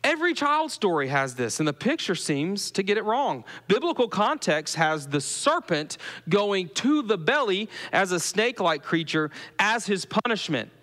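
A Southern US pastor with a high, sing-song, fairly bright voice preaches conversationally at normal speed, asking his congregation questions as he goes. He speaks in a church sanctuary with a long reverb.

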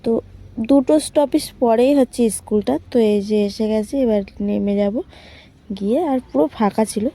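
A woman's voice: on the high side, moderate pace, mellow. Chatty young woman vlogging with a phone. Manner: chatty, talks to viewers and coaxes her son. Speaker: vlogger and mother. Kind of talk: casual vlog narration. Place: home, then on a metro train.

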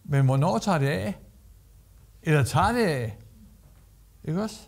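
A man's voice: fairly high pitch, animated, gravelly. A man preaching a sermon as a guest speaker, emphatic, repeating phrases and acting out quotes.

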